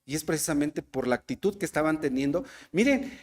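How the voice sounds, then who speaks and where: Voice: mid-range voice, animated, brisk, darkish tone. A preacher with a Mexican Spanish accent giving a sermon at a church service, asking the congregation questions and acting out the voices of people in the story. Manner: asks the congregation questions and acts out quoted voices.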